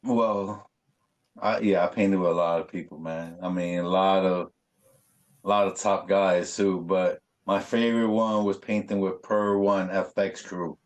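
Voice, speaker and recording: A graffiti artist recounts stories at a measured pace in a low-pitched voice. The interview is relaxed, and he's animated, full of profanity and street slang.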